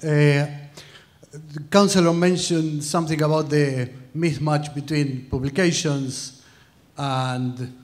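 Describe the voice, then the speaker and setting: A man, a university researcher, asking the panel a question in a measured way with some hesitation. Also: on the high side, fairly even intonation.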